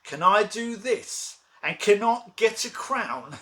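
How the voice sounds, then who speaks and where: Man performing a scheming, bitter duke, high-pitched male voice, declamatory, archaic phrasing, stage soliloquy. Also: expressive, a little slow, fairly bright tone. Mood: menacing, exultant. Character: bitter, scheming, ambitious deformed Duke of Gloucester.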